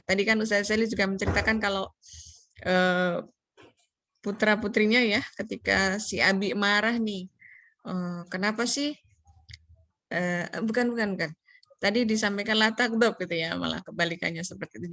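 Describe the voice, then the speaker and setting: A woman's voice: medium pitch, a bit bright, dry recording. A woman moderating an online parenting webinar, politely reading out audience questions with many hesitant fillers over a video call.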